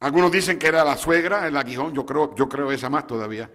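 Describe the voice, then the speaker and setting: A pastor preaching in a church, his voice high for a man and bright. He calls out questions to the congregation, and a long hall reverb trails after his words. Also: fast. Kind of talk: sermon. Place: church sanctuary.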